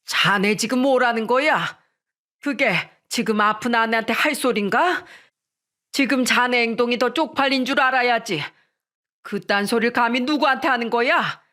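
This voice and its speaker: A woman voicing an outraged older father who yells at his son-in-law in a dramatized story. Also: fairly high pitch, moderate pace, close to an everyday voice. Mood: furious. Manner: shouting, furious.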